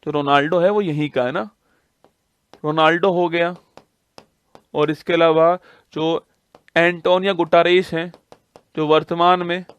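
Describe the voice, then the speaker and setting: A man's voice: on the high side, fairly even intonation, unhurried, pauses often, clear, resonant tone, no echo, lo-fi sound. A man teaching an online exam-prep geography class, asking questions and answering them himself, repeating key facts over and over. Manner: repetitive drilling, asks and answers own questions.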